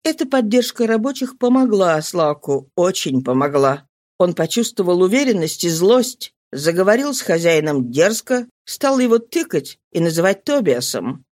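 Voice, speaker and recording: An audiobook narrator giving a dramatic, expressive literary reading. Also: mid-range voice, normal speed, no room sound, studio quality.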